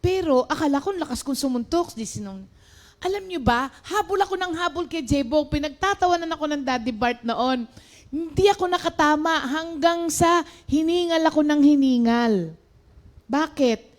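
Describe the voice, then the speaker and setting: High-pitched female preacher, casual and talky, speaks straight to the congregation. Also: expressive, normal speed. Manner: chatty, mixes in English, addresses listeners as brothers and sisters. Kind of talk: conversational sermon.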